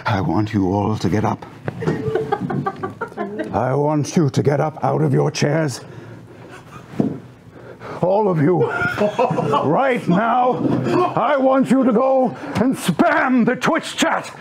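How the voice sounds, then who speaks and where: A man delivers a fired-up comedic rant in a high voice whose pitch leaps and dips all over. He builds the speech to shouted peaks like a mock rally call. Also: lively intonation, slow pace, vocal fry, long pauses, noisy background. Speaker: cast member giving a mock sponsor speech.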